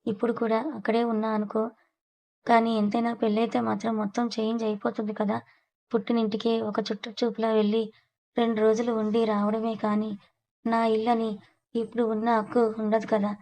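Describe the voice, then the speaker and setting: A woman's voice: fairly high pitch, completely flat delivery, brisk, a little mellow, lightly acted. A woman voicing a spirited young bride who speaks in a taunting, cutting way, in an audio story. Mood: tearful.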